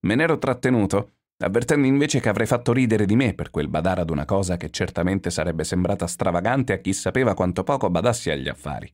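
A man narrating a literary novel in a measured, expressive, introspective reading. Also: low-pitched.

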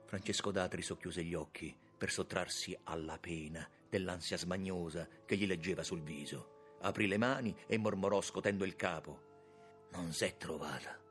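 A man narrating a classic novel as an audiobook, reading in an expressive, dramatic way. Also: low-pitched, normal speed, hardly any pauses, faint music behind.

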